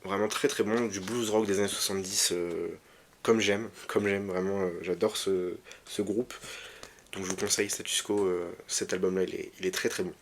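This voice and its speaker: A man's voice: sits low, steady tone, normal speed, noisy background. A man casually presenting his record collection, hesitant with many fillers and restarts, enthusiastic about the music. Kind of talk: casual vlog talk.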